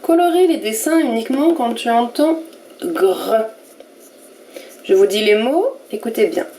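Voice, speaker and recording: A woman teacher giving a recorded reading lesson to young pupils, sounding out each letter and syllable slowly and with care. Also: a little high, expressive, warm tone, a little hiss or hum. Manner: slow and careful, spelling out letters and syllables one by one. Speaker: primary school teacher.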